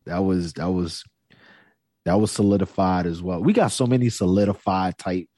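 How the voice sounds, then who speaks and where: Brief: young male co-host, very deep voice, chill and emphatic, dry close sound. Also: moderate pace, warm tone, no room sound. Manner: laid-back and emphatic, repeats himself. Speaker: podcast co-host. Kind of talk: casual podcast chat.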